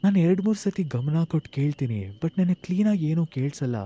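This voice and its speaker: A man tells a horror story in first person, his voice very mellow and somewhat high. He retells events with tense animation, and the recording sounds slightly dull and lo-fi. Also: expressive, fairly quick.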